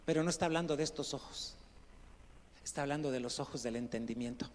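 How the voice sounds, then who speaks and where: A male pastor preaching a sermon, swinging from quiet asides to loud, rising outbursts and questioning his congregation directly. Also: mid-range voice, quick pace, slight background noise. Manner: addresses listeners as brother, asks questions of the congregation. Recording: long hall reverb.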